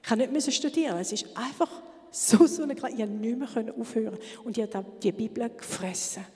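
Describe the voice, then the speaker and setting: A woman speaks fervently in a church testimony, her voice sitting a little high. She sometimes drops to a hushed whisper for emphasis. Her words ring out with a long reverb through a hall. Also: lively intonation, brisk.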